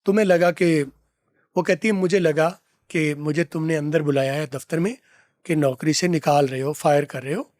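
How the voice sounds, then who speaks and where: Man teaching English, slightly high voice, dry close sound, repeats phrases slowly. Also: fairly even intonation, a little mellow, no echo. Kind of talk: lesson explaining film dialogue.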